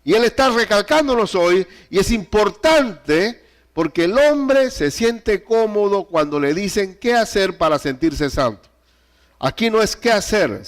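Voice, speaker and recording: A man preaching a sermon, speaking emphatically, repeating key phrases and asking the listeners rhetorical questions. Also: high voice. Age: adult with a child.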